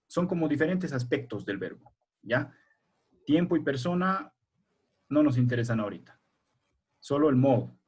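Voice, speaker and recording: Over a video call, a man teaches a primary school class, explaining patiently step by step and checking in with his pupils through frequent questions. His husky, slightly breathy voice is mid-range with a darkish tone and lively intonation. He speaks at a moderate pace and pauses often.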